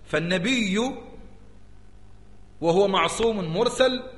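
A man's voice: high voice, slow. A man with an Egyptian Arabic accent, a sheikh giving a religious lecture and keeping his audience engaged with rhetorical questions. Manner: animated, keeps asking the audience rhetorical questions. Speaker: sheikh teaching jurisprudence. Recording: echoey hall with long reverb.

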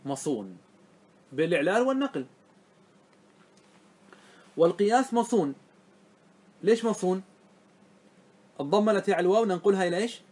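High-pitched male teacher leading a classroom grammar lesson, patient step-by-step explanations, stretches out key words. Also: lively intonation, a little fast, long pauses, a little mellow. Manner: explains step by step, often checking understanding with the class.

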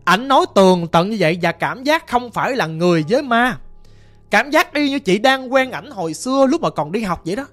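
A man's voice: very high voice, expressive, brisk, fairly bright tone. A man with a Southern Vietnamese accent telling a ghost story in a conversational, heartfelt way. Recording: long reverb with music behind.

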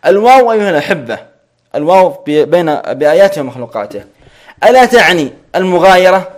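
A man teaching a grammar lesson, repeating each point slowly and checking that students follow. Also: high-pitched, big pitch swings.

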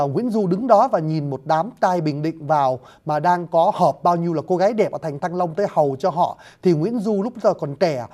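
A man's voice: high voice, mellow. A man giving a spoken lecture on classical poetry, explaining it word by word and often addressing his listeners politely, with hesitant fillers.

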